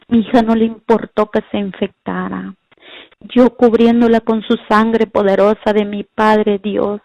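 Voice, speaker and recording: A woman's voice: mid-range voice, gravelly, warm tone, no room sound. A middle-aged woman giving an earnest, prayerful religious testimony and often calling her listeners brothers and sisters. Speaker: mother giving a faith testimony. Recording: dull lo-fi recording.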